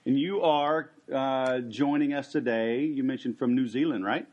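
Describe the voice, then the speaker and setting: A man hosting a podcast in a casual interview style, halting, with frequent ums and pauses. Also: medium pitch, a little mellow, highs cut off. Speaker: podcast host.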